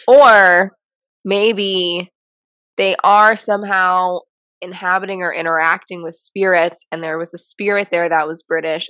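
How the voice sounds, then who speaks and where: A woman's voice: lowish voice, a bit bright, no room sound. A woman co-hosting a casual chat, speculating and restarting her sentences as she thinks. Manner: halting, restarts often, speculative. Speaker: podcast co-host. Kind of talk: casual chat about a TV episode.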